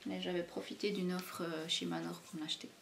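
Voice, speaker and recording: A woman's voice: on the low side, flat delivery, fairly quick, creaky, very noisy. A young woman, chatting casually about her favorite products as a beauty vlogger, hesitant and full of fillers. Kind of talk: casual product review chat.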